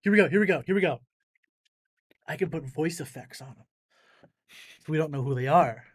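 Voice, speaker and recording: A man's voice: a little high, lively intonation, fairly quick, husky, no echo, clean studio sound. A man from Minnesota hosting a casual comedy podcast, joking around and jumping into exaggerated bits. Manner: jokey, jumps into exaggerated bits.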